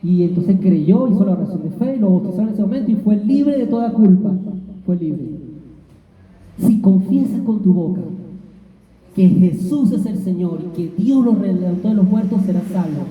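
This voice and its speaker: A man's voice: high voice, animated, moderate pace. A man delivers a sermon, driving his points home by saying them again and again. His voice sits far from the mic and rings with a long hall reverb. The sound is thin and narrow, like a phone line. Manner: emphatic preaching with repeated phrases. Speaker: preacher.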